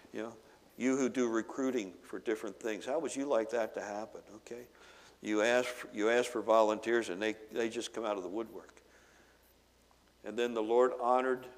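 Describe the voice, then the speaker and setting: Male pastor giving a sermon, animated storyteller, echoey church hall. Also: lowish voice. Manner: animated storytelling, acting out dialogue. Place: church sanctuary. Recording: long reverb of a large hall.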